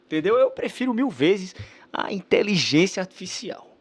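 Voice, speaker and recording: A man's voice: sits high, very animated, moderate pace, slightly rough. A man giving slangy, sarcastic react commentary on a debate video.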